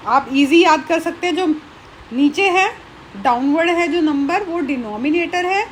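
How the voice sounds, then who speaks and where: A woman's voice: high voice, slight background noise, poor audio. A woman teaching a school math lesson, explaining patiently, checking in often and counting items aloud one by one.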